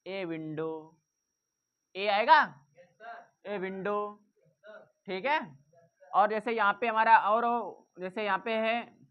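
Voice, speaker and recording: A woman's voice: medium pitch, slow pace, long pauses, clean tone. A woman teaching English grammar in a classroom-style lesson, repeating points and asking the class rhetorical questions. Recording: dull lo-fi recording.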